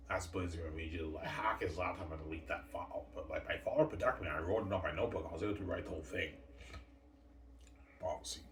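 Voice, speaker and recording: A man's voice: deep voice, fairly bright tone. A man talking in a rambling, repetitive casual monologue, often tagging lines with "obviously" and "man". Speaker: vlogger. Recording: echoey room, distant mic, faint noise.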